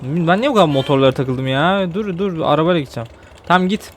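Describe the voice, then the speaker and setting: A man's voice: a little high, fast talker. A man giving casual gameplay commentary, pleading and apologizing to a game character. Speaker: gameplay streamer.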